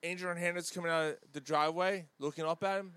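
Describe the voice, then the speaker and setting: A man's voice: a little high, steady tone, quick pace, a bit bright, clean tone, no room sound. A man co-hosting a casual sports talk show, ranting in crude, profane banter. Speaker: podcast co-host.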